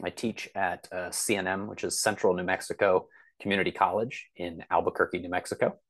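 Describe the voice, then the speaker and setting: Speaking a little fast in a low, steady voice, this man answers podcast questions over a video call. He's an author and computer science instructor, explaining things thoughtfully and hesitantly in a conversational style.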